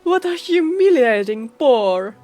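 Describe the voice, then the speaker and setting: A woman voicing a pompous, exasperated gnome in a video game who breaks into shrill, theatrical cries. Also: very animated, slow pace, mellow, soft background music, heavily acted.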